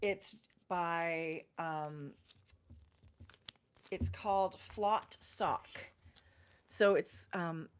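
A middle-aged woman chatting casually as a knitting podcast co-host, explaining her projects in detail with pauses and fillers. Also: fairly low pitch, smooth. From Canada. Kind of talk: casual chat.

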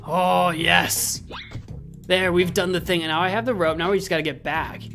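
Male gaming host, thirties: high-pitched, playful, thinks out loud, light music underneath. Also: fairly even intonation, normal speed, gravelly. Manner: jokey, thinks aloud, repeats himself. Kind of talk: casual playful game commentary. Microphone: desk microphone close to the mouth. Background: faint game music.

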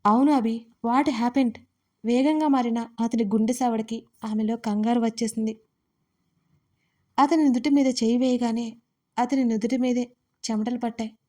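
A woman narrates her own romantic audio story with a fairly high voice. Her delivery is lively and expressive. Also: moderate pace, pauses often. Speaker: writer and narrator.

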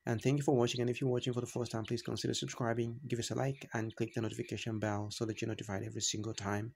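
A man narrating a travel vlog, describing the view in a halting way, with many fillers and restarts. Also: medium pitch, level tone, vocal fry, darkish tone. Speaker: travel vlogger.

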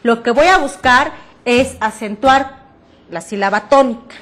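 In this voice projection lesson, a woman with a fairly bright, slightly high voice talks without hurrying. Her accent is Mexican Spanish, and she runs a reading-aloud workshop, calmly explaining breathing and projection while often making sure the class understands.

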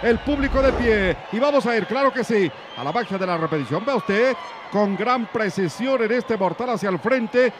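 A man with a Mexican Spanish accent giving excited play-by-play as a wrestling commentator. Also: high voice, moderate pace. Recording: loud arena crowd noise behind.

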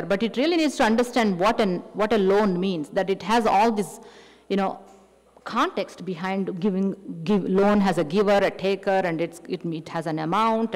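A woman with an Indian accent giving a technical lecture, explaining step by step with frequent fillers and restarts. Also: medium pitch. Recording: echoey hall with long reverb.

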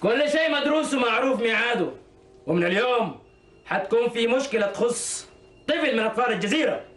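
A high, rapid-fire cartoon villain boss who barks orders with scorn. The echo of the room hangs around every line. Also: male voice, expressive, a bit bright, a little hiss or hum. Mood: scheming. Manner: commanding and scornful. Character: bossy male villain leader from an evil planet.

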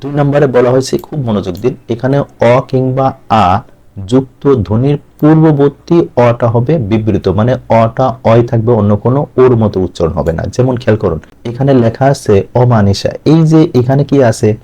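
Man, Bangladeshi Bengali accent, teacher, exam-prep lesson, mellow dark tone, middle pitch, slow repeated examples. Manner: asks questions and answers them himself, repeats words slowly.

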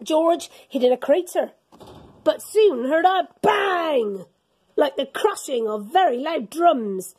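Indoors in a school classroom, a middle-aged woman reads a picture book to children like a teacher, her voice high-pitched and her pace slow. Her storytelling is animated, expressive and dramatic, full of gasps and whispers.

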